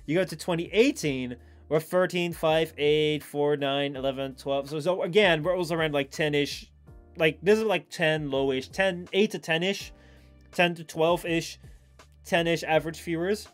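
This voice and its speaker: Male live streamer, higher-pitched voice, loose rambling chat, faint music underneath. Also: moderate pace. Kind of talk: casual chat with stream viewers.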